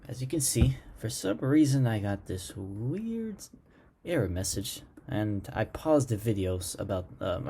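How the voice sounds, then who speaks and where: In a screen-recorded coding lesson, a male programming instructor murmurs commands and reasons out loud as he types. His lowish voice is warm with some vocal fry, over slight background noise.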